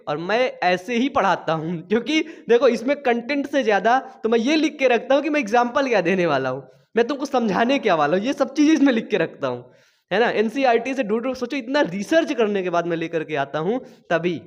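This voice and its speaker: A young man teaches biology with lots of energy, throwing out questions and answering them himself. His voice sits very high for a man. He motivates his students and drops in playful everyday examples. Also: fairly quick, lo-fi sound. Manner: lively, keeps asking and answering his own questions. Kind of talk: energetic classroom lecture.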